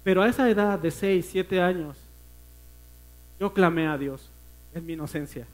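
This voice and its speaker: A man with a Mexican accent preaching a personal testimony at a church service, earnest and emotional, often dropping to a hush. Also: sits high, normal speed, rough recording. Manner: earnest, emotional storytelling that often sinks to a hushed voice.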